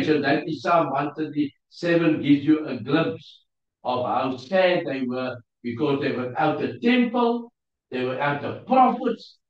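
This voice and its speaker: A preacher with a South African Afrikaans accent teaches a Bible class in a church hall, halting and hesitant as he searches for English words, using many fillers. His voice is mid-range and unhurried. The mic is distant, giving a roomy, echoey, dull lo-fi sound.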